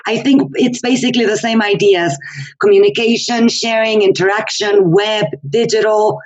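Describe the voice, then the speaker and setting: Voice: medium pitch, steady tone, moderate pace. Moderator reading out chat replies. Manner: lists chat answers word by word. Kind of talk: reading out audience comments. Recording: dull, lo-fi webinar audio.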